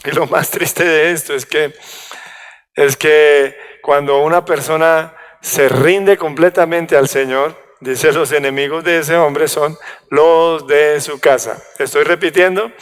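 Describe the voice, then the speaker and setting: A man preaching a sermon to a congregation, halting and restarting as he corrects himself. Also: fairly high pitch, fairly even intonation, smooth. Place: church hall. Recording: long hall reverb.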